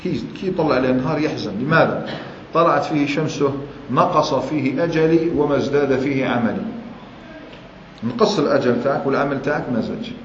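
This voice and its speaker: A man's voice: mid-range voice, fast talker. A man with an Algerian Arabic accent preaching a sermon, who retells old sayings and then repeats and explains them in everyday dialect. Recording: echoey hall, muffled and lo-fi, faint hiss.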